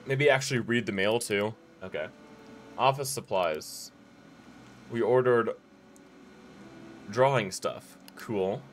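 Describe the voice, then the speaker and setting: A man's voice: on the low side, slow, long pauses, slight background noise. A man streaming a game live, chatting in a laid-back, rambling way with many fillers and restarts. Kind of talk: casual live-stream chat while playing.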